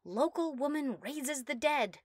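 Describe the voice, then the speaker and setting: A woman voicing a proud, giddy young mad scientist obsessed with her work, theatrical and self-satisfied, in a soft ASMR role-play. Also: high-pitched, animated, a little slow, no echo, clean studio sound, pitched above the performer's own voice. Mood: triumphant, proud.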